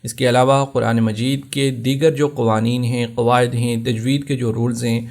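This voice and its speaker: A man with a Pakistani Urdu accent teaching Tajweed, explaining common mistakes and then reciting verses slowly and drawn out. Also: medium pitch, flat delivery, a little mellow. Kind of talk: Tajweed lesson.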